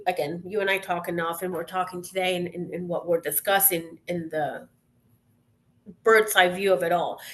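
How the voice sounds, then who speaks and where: A woman guest on a podcast, a consultant, speaking earnestly and encouragingly, with emphatic restarts. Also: fairly low pitch. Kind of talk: casual interview chat.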